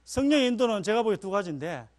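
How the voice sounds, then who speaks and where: A man's voice: high-pitched, very animated, rapid-fire, a little mellow. A male pastor giving a chatty sermon, telling personal stories and laughing at himself. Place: church.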